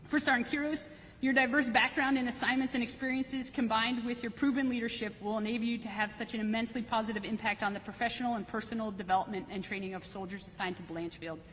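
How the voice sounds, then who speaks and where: Woman, brisk formal podium speech, military leader, slightly high voice, reverberant hall, faint noise. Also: fairly even intonation, a bit bright. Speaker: military leader giving welcome remarks at ceremony.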